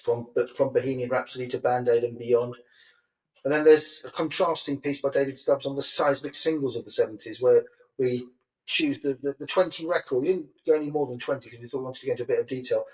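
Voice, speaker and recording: A middle-aged man in the middle of the pitch range, talking in an easy, chatty way. He pokes fun at himself and laughs a lot while co-hosting a podcast. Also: quick pace, a little mellow, poor audio. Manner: chatty, self-deprecating, laughs often. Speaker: podcast co-host and magazine editor. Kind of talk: casual chat.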